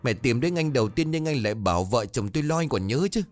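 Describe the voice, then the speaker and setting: A man's voice: mid-range voice, expressive, fast talker, a little mellow, voice pushed up, lightly acted. A man voicing an indignant younger son who bluntly accuses his brother.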